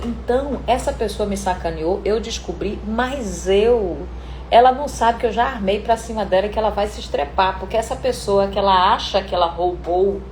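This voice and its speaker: A middle-aged woman coaching voice actors in a live session, talking in a lively way, acting out quotes and swearing casually. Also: medium pitch. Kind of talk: live teaching talk on voice acting. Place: room indoors, live stream. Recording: echoey room with faint background noise.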